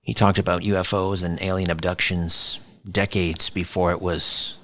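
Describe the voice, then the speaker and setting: A man's voice: low-pitched, level tone, moderate pace, fairly bright tone. A man hosting a late-night radio interview show. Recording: music bed under voice. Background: music.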